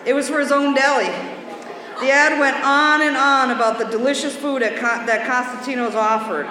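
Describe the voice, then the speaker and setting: A woman's voice: sits high, steady tone, moderate pace, pushed and bright. A woman emceeing a roast, teasing the roasters as she introduces them. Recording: very echoey hall with audience.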